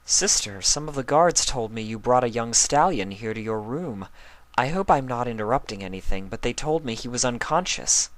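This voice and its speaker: A man's voice: mid-range voice, expressive, normal speed, fairly bright tone, no room sound, voice pushed up, natural voice, low-quality recording. A man voicing a dignified elder pony princess with a proper, slightly huffy manner. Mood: stately.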